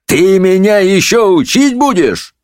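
A man voicing a blustering, pompous judge who roars and drags out his insults in a high, strained voice. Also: sing-song, dry recording, studio quality. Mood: bullying. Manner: roaring, bullying, drawn-out shouts.

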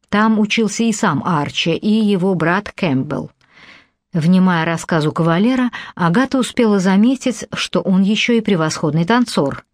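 A woman reading a biography aloud as an audiobook narrator, in calm, even storytelling. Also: lowish voice, no room sound, studio quality. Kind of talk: scripted narration.

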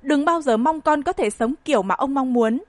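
A woman's voice: high-pitched, animated, measured pace, no echo. A woman voicing a mocking, defiant young woman. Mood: taunting. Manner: taunting and scornful.

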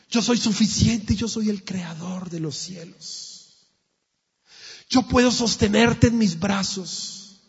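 A man voicing God, who speaks tenderly and reassures slowly and soothingly. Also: sits high, husky, long reverb tail, highs cut off, exaggerated voice.

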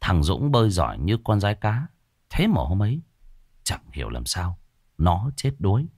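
Low-voiced man telling a village horror tale. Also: wildly swooping pitch, a little mellow, husky. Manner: slow, dramatic, folksy storytelling. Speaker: storyteller. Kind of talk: spoken horror story narration.

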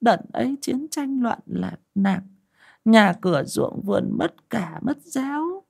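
A woman's voice: a little high, big pitch swings, slow, vocal fry, a little mellow, breathy edge, voice pushed up, exaggerated voice. A man voicing an older village wife who was once a shaman, crying and pleading in a choked voice. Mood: sorrowful recollection.

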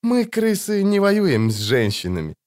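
A man's voice: a little high, huge pitch swings, fairly quick, voice pushed up. A man voicing a leering, mocking young male bandit in an audiobook. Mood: sneering. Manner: sneering, taunting.

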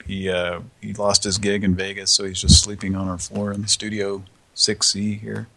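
A man's voice: lowish voice, completely flat delivery, normal speed, vocal fry, bright, forceful tone, dry recording. A man hosting a comedy show, rambling with lots of restarts and laughs. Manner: rambling, stumbling, laughing often. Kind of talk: loose comedic banter.

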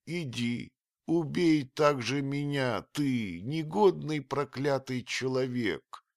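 A man reading an audiobook, voicing a very old grieving female servant who wails and scolds in a strained high voice. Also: lively intonation, slow pace, a bit bright, no echo, studio quality. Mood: bitter. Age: older.

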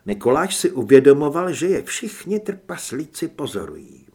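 A man narrating an audiobook in an expressive, dramatic reading style. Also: a little high, breathy edge. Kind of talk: scripted narration.

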